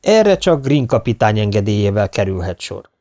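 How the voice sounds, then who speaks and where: A man's voice: on the low side, sing-song, warm tone. Man doing a young lieutenant, stubborn officer, firm clipped orders, audiobook reading. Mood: stern.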